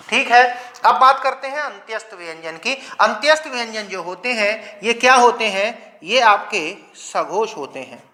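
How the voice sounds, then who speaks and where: A man's voice: high-pitched, bright, forceful tone. A male grammar teacher lecturing to his viewers. He asks rhetorical questions, answers them himself, and leads them through pronunciation drills. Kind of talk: classroom-style lecture.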